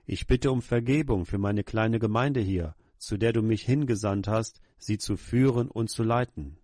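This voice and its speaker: A man's voice: on the low side, normal speed, darkish tone, dry recording, studio quality. A middle-aged male pastor praying aloud to his congregation in an earnest, humble, pleading way. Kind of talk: sermon prayer.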